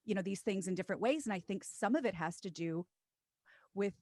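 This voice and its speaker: A woman in her thirties, a radio co-host and voiceover artist, chatting as a guest with self-deprecating asides in a trained low broadcast voice. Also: lively intonation, a little fast, mellow, no room sound. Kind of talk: casual interview chat.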